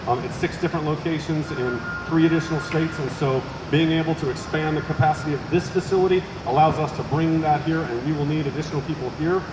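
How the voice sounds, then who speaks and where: Fast-talking man in an echoey warehouse. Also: fairly high pitch, steady tone. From Oklahoma. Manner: fast, with many restarts and fillers. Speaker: company executive. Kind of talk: answering press questions. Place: inside a large warehouse. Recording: echoey warehouse with loud machine hum.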